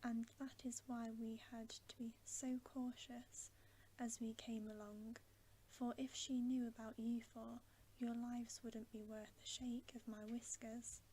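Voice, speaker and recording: Lady doing a serious male beaver from a storybook, whispery n emphatic, slow, soft mellow tone. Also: on the high side, flat delivery, a little hiss or hum, natural voice, rough recording. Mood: grave, explaining. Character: earnest, cautious male talking beaver, grave and urgent.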